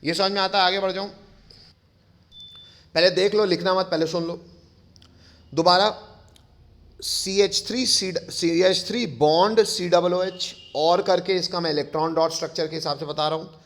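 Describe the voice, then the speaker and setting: Higher-voiced male chemistry teacher. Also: steady tone, moderate pace, long pauses, fairly bright tone. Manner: explains step by step, often checking whether students follow; addresses pupils affectionately as kids. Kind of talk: chemistry lecture to a class.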